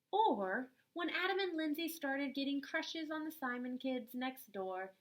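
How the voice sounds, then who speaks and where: Like a teacher at storytime, a woman reads a picture book aloud to young children, expressive and deliberate. Her voice is a little high.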